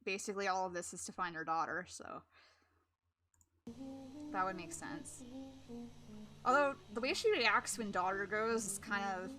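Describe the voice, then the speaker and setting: Bright-voiced woman streamer chatting. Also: mid-range voice, normal speed, pauses often. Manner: chatty and rambling, with frequent laughs. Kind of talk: casual live-stream commentary.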